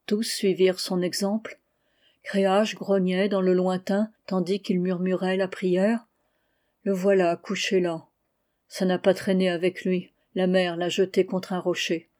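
A woman reading a novel aloud as steady scripted narration, lifting her voice for the shouted lines. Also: measured pace. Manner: steady reading, louder and higher for quoted cries. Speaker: audiobook reader.

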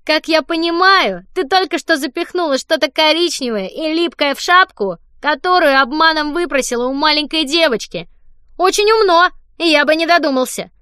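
A woman's voice: expressive, moderate pace, fairly bright tone, no room sound, studio quality. Woman doing a sly, taunting little boy. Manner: shrill, sing-song and taunting, lisping when faking childishness. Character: sly mocking boy, a mischievous little schemer. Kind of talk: audiobook character voice.

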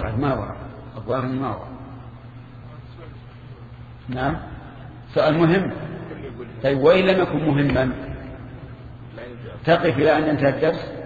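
Older male teacher, casual lecture tone full of restarts, mid-pitched, recorded lo-fi in a reverberant hall. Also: darkish tone, a little hiss or hum. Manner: conversational, with halting restarts and questions to the audience. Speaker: Islamic scholar teaching a lesson. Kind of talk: religious lecture with questions from students. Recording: echoey hall, muffled lo-fi archive tape.

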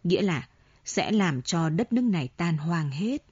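A woman narrating a novel in slow, measured storytelling, on a dull lo-fi audiobook recording. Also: on the low side, animated, a little mellow, husky, no echo. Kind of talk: scripted narration. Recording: dull lo-fi recording with faint music.

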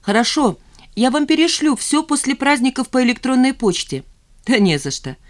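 A woman reader voicing a calm, reserved young man who speaks softly and with restraint. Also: high voice, normal speed, pitched above the performer's own voice. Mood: polite. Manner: soft, restrained.

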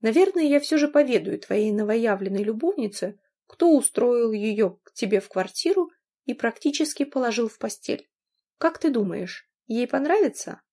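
A woman's voice: fairly high pitch, lively intonation, normal speed, mellow. A woman reading an audiobook, voicing a spiteful scorned mistress who taunts and sneers. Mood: taunting.

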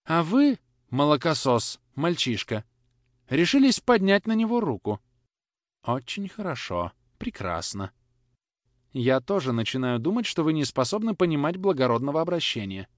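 Imperious old countess grandmother, as a male reader puts her on, drawling and commanding, lively in pitch. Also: dry recording, natural voice. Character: stern elderly grandmother, a countess, imperious but grieving.

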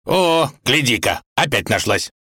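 A man's voice: medium pitch, big pitch swings, normal speed, fairly bright tone, dry recording, clean studio sound. A man reading a fairy tale aloud and voicing a fussy, bossy old tsar. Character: fussy older male tsar, bossy but kindly.

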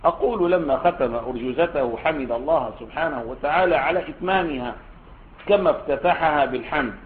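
A man's voice: on the high side, a little fast, slight background noise. Male teacher, lecture style, asks and answers his own questions; raised voice, narrow tinny recording. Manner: explanatory, rhetorical questions to students. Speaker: Islamic scholar teaching a text. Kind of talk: classroom lesson explaining a classical text.

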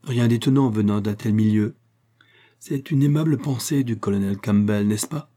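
A man voicing a charming young gentleman who speaks with polished, suggestive courtesy. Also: fairly low pitch, normal speed, lightly acted. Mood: insinuating.

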